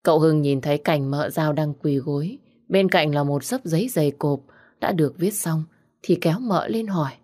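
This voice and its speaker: A woman reading a storybook tale aloud. Her voice is notably low for a woman, and she keeps a calm, measured pace. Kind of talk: storybook narration.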